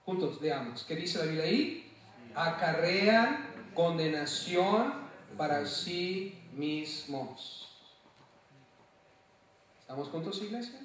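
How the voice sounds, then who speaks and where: A man preaches from the pulpit with a fairly high voice, firing questions at his congregation and answering them himself. He sounds a little off-mic, and the whole church rings around him with heavy echo. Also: expressive, slow, pauses often, distant mic, a little hiss or hum. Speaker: pastor. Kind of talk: sermon. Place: church sanctuary. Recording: very echoey hall, voice from off-mic.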